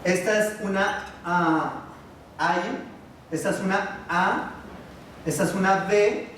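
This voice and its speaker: A man teaching a Biblical Hebrew class, patiently asking his students questions and pausing on fillers. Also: high-pitched, fairly even intonation, fairly bright tone, far from the mic, a little hiss or hum. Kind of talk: classroom lesson. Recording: echoey room, voice from afar.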